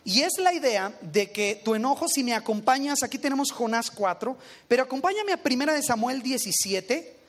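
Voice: high-pitched, lively intonation, moderate pace. A pastor preaching to a congregation in a conversational way, asking them questions and rereading lines for emphasis. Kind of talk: sermon.

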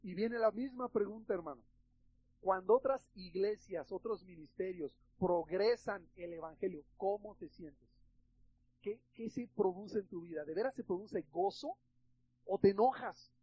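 A male pastor with a Mexican Spanish accent delivers an emphatic, chatty sermon in a high, husky voice. He keeps turning to the congregation and calling them brothers. The recording is slightly dull and lo-fi. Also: measured pace. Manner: emphatic, conversational, addresses listeners as brothers.

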